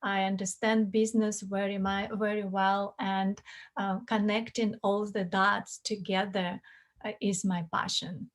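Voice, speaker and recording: A middle-aged woman with a Russian accent, speaking earnestly and in measured phrases as an interview guest. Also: medium pitch, little pitch movement. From former USSR. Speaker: interview guest, finance mentor. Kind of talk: conversational interview.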